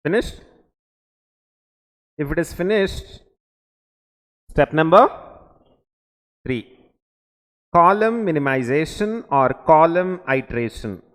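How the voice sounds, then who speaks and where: A male teacher with a Telugu-accented Indian English voice lectures at an unhurried, slow pace. He speaks in short instructional phrases and often puts brief questions to students. The room adds a long, echoey reverb. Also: fairly high pitch, expressive. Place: indoor teaching studio or classroom.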